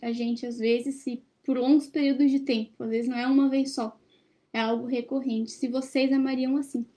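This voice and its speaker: Young woman, study-group presenter; high and warm, reflective and questioning, laptop webcam in a small room. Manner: thoughtful, questioning the listeners. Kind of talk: reflective teaching talk. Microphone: laptop webcam on a video call.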